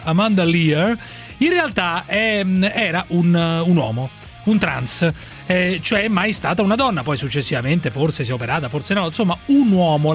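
High-voiced insistent male radio host. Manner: insistent, interrupting, colloquial. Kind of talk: provocative radio talk.

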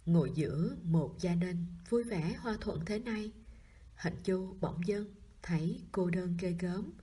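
A woman narrating a novel in a soft reading voice that often drops to a whisper. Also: fairly low pitch, measured pace, slightly rough. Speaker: audiobook narrator.

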